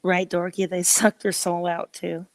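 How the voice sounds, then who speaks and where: A woman co-hosting a casual live stream chat, greeting viewers by name and laughing easily, with a gravelly voice. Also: lowish voice, level tone, measured pace, no room sound. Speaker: co-host.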